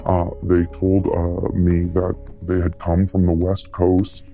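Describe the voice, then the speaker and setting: A man's voice: completely flat delivery, slow, creaky, mellow, highs cut off, soft background music. A man recounting what he saw in an interview, his voice altered to disguise his identity. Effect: voice altered and pitched down to hide his identity. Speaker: listener giving a tip. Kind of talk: recalled interview recollection.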